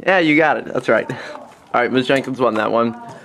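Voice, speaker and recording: A young man, a high school senior, casually chatting and reading movie trivia questions in a playful, quizzing way. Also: fairly quick, vocal fry, a bit bright. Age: young adult. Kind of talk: casual trivia game chat.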